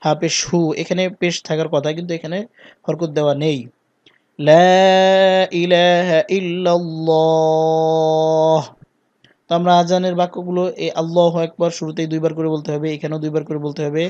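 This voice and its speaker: Male recitation teacher, slightly high voice, flat delivery, dry close sound. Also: no echo, highs cut off. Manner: slow, drawn-out chanting of recited phrases between plain explanations. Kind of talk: spelling out and reciting the call to prayer.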